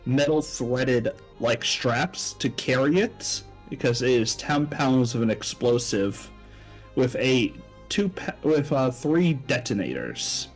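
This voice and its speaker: A man's voice: medium pitch, big pitch swings, takes it slowly, soft background music. A man narrating as game master of a tabletop game, loose and casual.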